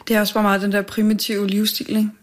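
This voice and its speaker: A woman in casual conversation, talking openly and with feeling. Her voice sits at an ordinary middle pitch. She runs her stories together quickly. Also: monotone. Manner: candid, emotional, fast storytelling. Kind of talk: casual chat.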